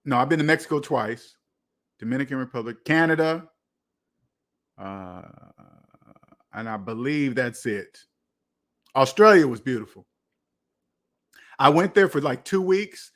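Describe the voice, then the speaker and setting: This American streamer speaks a little slowly in a mid-range, slightly bright voice, expressive and broken up by long pauses. He rambles through casual chat answering viewers' comments, repeating phrases for emphasis.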